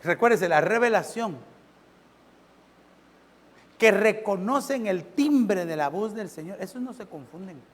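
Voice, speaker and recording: A pastor preaching a sermon. He keeps asking the congregation questions and swings between loud and soft. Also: sits high, animated, measured pace, pauses often, in a large hall.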